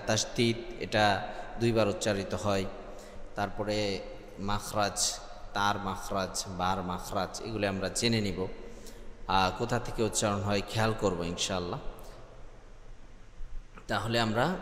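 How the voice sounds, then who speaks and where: A man teaching Quran recitation step by step, spelling out letters one by one and breaking into loud, high melodic chanting for the verses. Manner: spells out letter by letter, with drawn-out filler sounds. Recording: echoey room with long reverb.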